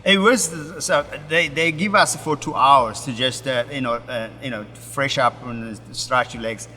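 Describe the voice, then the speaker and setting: Brief: middle-aged Ethiopian-born male pastor, halting and restarting, bright tone, long room reverb under faint music. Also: medium pitch, slight background noise. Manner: halting, broken English with many restarts. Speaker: pastor, interview guest. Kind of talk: personal story in an interview.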